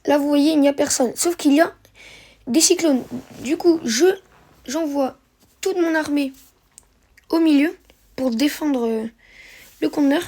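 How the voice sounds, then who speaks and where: Woman, high mellow voice, walking viewers through a strategy match with lots of "uh"s and restarts. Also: a little slow, pauses often. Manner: hesitant, many fillers and self-corrections. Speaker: gameplay commentator. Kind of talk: narrated strategy game replay commentary.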